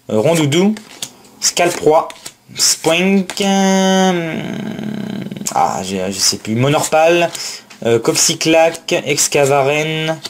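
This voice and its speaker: Excitable man unboxing cards. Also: mid-range voice, a little hiss or hum. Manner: enthusiastic, repetitive exclamations and many fillers. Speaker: YouTuber opening trading card packs. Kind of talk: casual card unboxing commentary.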